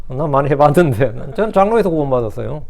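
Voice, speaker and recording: A man's voice: medium pitch, animated, quick pace, gravelly, a little mellow. A male pastor giving a sermon in a conversational way, often checking in with the congregation and rising into impassioned scripture reading. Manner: conversational preaching with frequent rhetorical "응?" asides.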